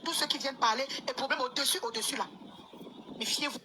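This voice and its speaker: A woman's voice: high voice, fast talker, bright, forceful tone, a little hiss or hum. Scolding woman. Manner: scolding, insistent, repeats herself. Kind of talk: angry live video rant.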